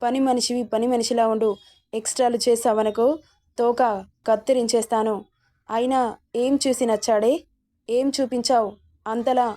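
Haughty bullying sister-in-law, read by a woman narrator, taunting, high-ish. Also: flat delivery, normal speed, long pauses, mellow, lightly acted. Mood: scornful. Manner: taunting, sneering, threatening.

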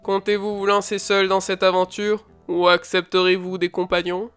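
A woman reads aloud as a stern bearded lord, his voice dropped well below her own and pushed out firmly. He talks slowly and gravely, with a smooth, clear tone over faint music. He is a proud father of a storybook realm. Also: mid-range voice, level tone, pitched below the performer's own voice, lightly acted.

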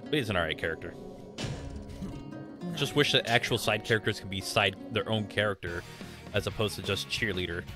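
A young man with a lowish voice chats casually while streaming a game, rambling and sharing his opinions at a fairly quick pace broken by long pauses. Video game music and sounds play behind him.

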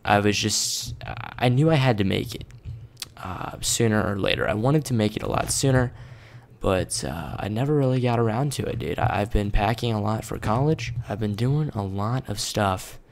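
An eighteen-year-old man quietly commentating a game late at night in his bedroom, calling viewers "boys" and "dude". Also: fairly low pitch, expressive, normal speed. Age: 18, young adult. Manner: hushed and casual, calls viewers "boys" and "dude". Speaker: gaming YouTuber. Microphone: desk microphone turned up.

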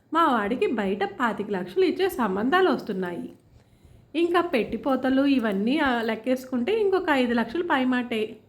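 Woman voicing a scornful shrill village aunt. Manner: taunting, shouting scornfully. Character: sarcastic, loud-mouthed middle-aged village aunt.

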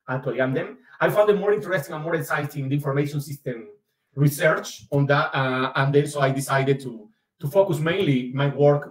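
Professor type from Colombia, Caribbean accent, hesitant academic delivery, room echo from a distant mic. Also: male voice, fairly high pitch. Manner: hesitant, repeats "actually" often. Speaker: guest speaker, professor. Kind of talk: academic presentation. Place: home office, indoors. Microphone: video call. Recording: roomy video call audio from the mic.

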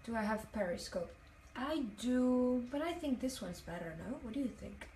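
Her voice sits on the high side, dark in tone and animated, moving at a normal speed over slight background noise. She's a young woman from Italian-speaking Switzerland, Italian her native tongue, livestreaming casually from a hotel bathroom floor and reading comments aloud amid many fillers. Talking to a mirror with the phone at arm's length, she's recorded from a distance in an echoey tiled space.

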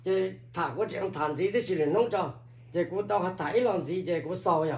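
A man's voice: sits high, drawn-out words, darkish tone. An older man from Laos, an elder storyteller, recalling the past at length with many repeated filler phrases. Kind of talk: oral history recollection. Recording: roomy echo, speaking away from the mic.

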